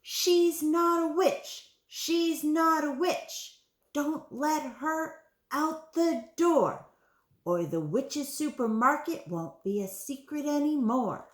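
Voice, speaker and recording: A woman's voice: sits high, expressive, slow, pitched above the performer's own voice. A woman voicing a group of angry witches who chant together, in a storybook reading. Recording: roomy room echo.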